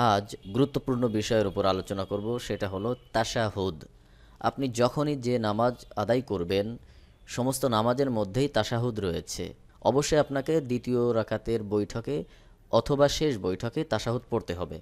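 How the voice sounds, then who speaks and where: Smooth-voiced Bangladeshi Quran teacher. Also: male voice, fairly low pitch, darkish tone. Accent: Bangladeshi Bengali. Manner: spells out each syllable slowly, then recites drawn out. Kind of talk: step-by-step recitation lesson.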